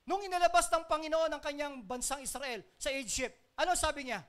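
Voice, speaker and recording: A pastor from the Philippines preaching a Sunday sermon, swinging between soft asides and loud declarations, mixing in English phrases and chuckling between points. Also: sits high, a little fast. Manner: mixes English phrases into the talk.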